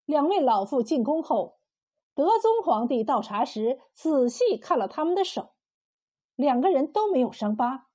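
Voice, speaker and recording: Woman, storyteller, historical tale narration, high, mellow. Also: very animated, normal speed.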